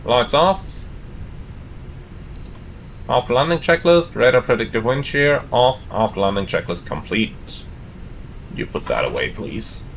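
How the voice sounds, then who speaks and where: A man speaks as an airline pilot in a cockpit, mixing casual commentary with radio calls. His mid-range voice moves up and down in a lively way. A faint rumble sits behind him. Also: a little slow, pauses often. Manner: casual, conversational.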